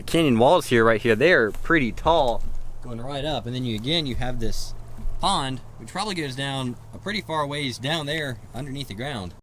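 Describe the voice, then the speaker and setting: A man talks through an outdoor exploration in a casual, curious way. His voice sits at a middle pitch, and he folksily points out what he finds as he walks. The location audio carries noise behind him. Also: a bit bright. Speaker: explorer vlogger. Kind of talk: casual exploration vlog narration. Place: outdoors at an open gravel pit pond.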